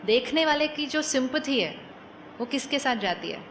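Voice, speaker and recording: Calm woman giving a spiritual talk. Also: high voice, normal speed, a little hiss or hum. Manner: calm, persuasive, asks the audience questions and mixes in English phrases. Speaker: spiritual speaker. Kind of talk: spiritual talk to a live audience.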